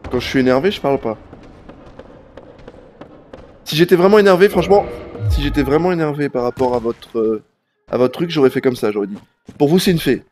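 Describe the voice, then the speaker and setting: Over soft background music, a brisk, medium-pitched man streams a video game, leaving long pauses between bursts of talk. Animated and casually profane, he addresses his viewers directly with live commentary on his play.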